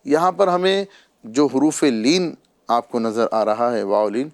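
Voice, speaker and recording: A man teaching Quran reading, drawing each syllable out slowly in pronunciation drills and patiently repeating every example while he checks in with his listeners. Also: medium pitch, expressive.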